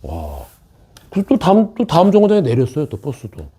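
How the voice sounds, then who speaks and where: A man's voice: on the high side, huge pitch swings, a little fast, dark tone, slight background noise. A man teaching a math class in an academy classroom, joking around, repeating key points and checking in with the students. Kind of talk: classroom lecture.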